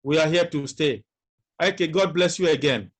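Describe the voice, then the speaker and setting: Man, fairly high voice, slow, earnest, online meeting. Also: rough recording. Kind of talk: casual online meeting remarks.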